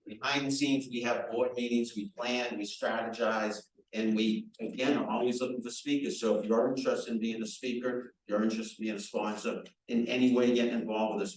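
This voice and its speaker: This is a man greeting a crowd as the association's chapter president, his deep voice carrying across an echoey event room at a nonprofit center. No microphone is used; he's recorded from the room, chatting loudly through his welcoming remarks.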